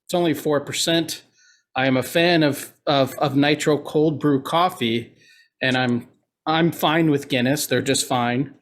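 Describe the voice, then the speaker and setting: A man with a nasal voice co-hosting a casual podcast, relaxed and chatty with lots of fillers. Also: a little high, measured pace. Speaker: podcast co-host.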